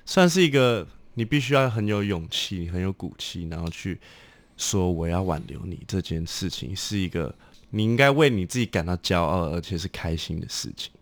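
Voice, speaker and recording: A man's voice: sits low, lively intonation, moderate pace, no room sound. A young man, a guest singer-songwriter chatting casually in loose, filler-filled sentences. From Taiwan. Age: young adult. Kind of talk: casual chat.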